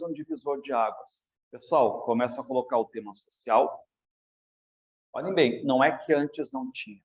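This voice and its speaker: Lively male literature teacher, lo-fi. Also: fairly high pitch. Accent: Brazilian Portuguese. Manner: lively, addresses students directly with frequent checks. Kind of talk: exam review lecture.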